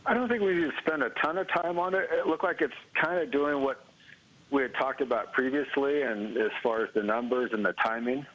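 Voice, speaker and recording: Guy on a phone call-in, easygoing and rambly, middle pitch, muffled phone line. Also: fairly quick. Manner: easygoing, loose phrasing with fillers. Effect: over the phone. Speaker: caller. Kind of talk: casual call-in chat.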